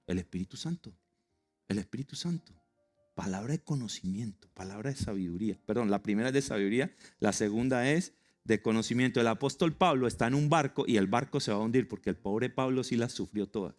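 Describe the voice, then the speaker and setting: A man with a Colombian accent, preaching a sermon in a lively, joking way and acting out stories. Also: medium pitch, brisk, soft background music. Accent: Colombian Spanish. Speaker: pastor.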